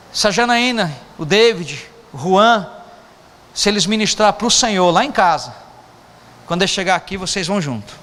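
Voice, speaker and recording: A Brazilian pastor preaches a casual sermon, joking with his congregation between points. His voice is high and bright, rising and falling a lot. It carries through a long-echoing church hall with a faint hiss underneath. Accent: Brazilian Portuguese. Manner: joking, chatty, teasing the congregation. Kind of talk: informal sermon.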